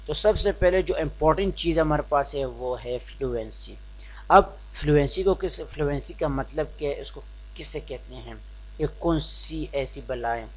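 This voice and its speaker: A young man from Pakistan giving an informal spoken lesson on reading skills, hesitant and restarting often, slipping into English phrases. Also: a little high. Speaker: teacher explaining reading skills.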